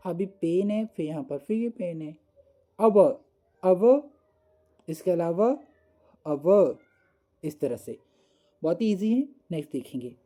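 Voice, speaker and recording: Soft, very mellow male teacher. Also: high voice. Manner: patient, reads English definitions slowly word by word. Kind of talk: classroom lesson explanation.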